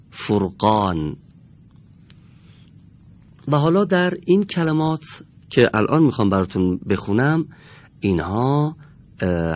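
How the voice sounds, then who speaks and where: A man teaching Quran recitation on a broadcast lesson from a studio. He speaks slowly and patiently, modelling each sound for students to repeat. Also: lowish voice, darkish tone.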